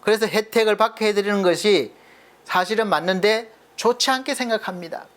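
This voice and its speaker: A middle-aged male pastor preaching a sermon earnestly, asking rhetorical questions and slowing down to stress his points. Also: high-pitched, fairly bright tone.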